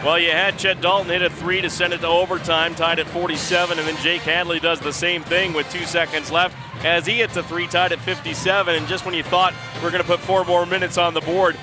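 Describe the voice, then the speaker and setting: A man hosting a high school basketball postgame show, reading sponsor lines and recapping the game. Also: little pitch movement, a little fast, hardly any pauses, music in the background, poor audio. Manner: upbeat, reads sponsor lines. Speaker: play-by-play broadcaster. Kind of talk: postgame sports broadcast.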